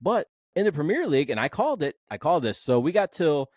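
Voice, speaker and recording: A man's voice: fairly high pitch, very animated, fast talker, darkish tone, no echo, clean studio sound. A man hosting a casual sports podcast, talking bluntly and rambling, with the odd swear word. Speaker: podcast host.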